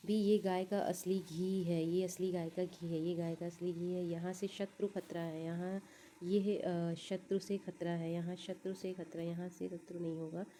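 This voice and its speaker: A woman's voice: fairly low pitch, mellow, slight background noise. A woman teaching exam prep, going through test answers one by one, repeating each answer and thinking aloud with fillers.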